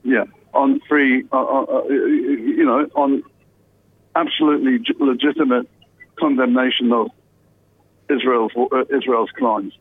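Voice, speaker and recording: A man's voice: mid-range voice, animated. Give me a man calling a radio show on a muffled hands-free phone line, thin and underwater-sounding, stumbling through his words. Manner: halting, many fillers and restarts. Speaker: caller to a talk radio show. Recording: tinny muffled phone line with faint background noise.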